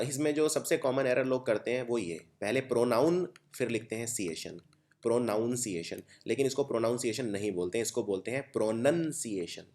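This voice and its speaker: In this exam-prep vocabulary lesson, the young Indian-accented teacher walks through each step and spells the words letter by letter. He speaks in a mid-range voice with a darkish tone.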